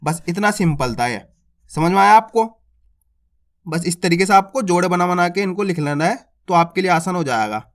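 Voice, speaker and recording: A man's voice: high-pitched, lively intonation, moderate pace. A man teaching the Hindi alphabet, who explains each vowel sign simply and calls out the syllables in a raised voice.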